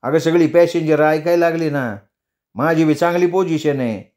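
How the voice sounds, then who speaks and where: A man's voice: fairly high pitch, darkish tone, voice pushed up, lightly acted. Man doing a blustering village taxi driver. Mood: chatty. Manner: blustering, quick to snap. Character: boastful, hot-tempered village taxi driver, grown man.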